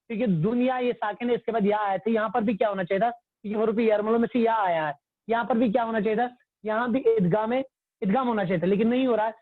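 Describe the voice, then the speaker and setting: With a very high voice, a male tajweed teacher patiently questions his online religious class, answering his own questions and repeating material. The audio is dry, close and free of room sound, but tinny like a phone line, captured by a phone or computer mic on a video call.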